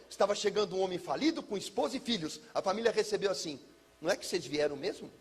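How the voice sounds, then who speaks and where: Pastor guy, middle-aged, high raspy fry-heavy voice, telling his testimony all dramatic. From São Paulo, Brazil. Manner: dramatic storyteller, drops low and soft for heavy moments. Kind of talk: personal testimony sermon.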